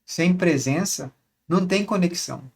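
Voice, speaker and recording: A man's voice: high-pitched, unhurried, gravelly, breathy edge. A man, coaching couples on communication in a casual, conversational teaching monologue full of rhetorical questions. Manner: conversational, repeats words, asks rhetorical questions. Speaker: relationship coach.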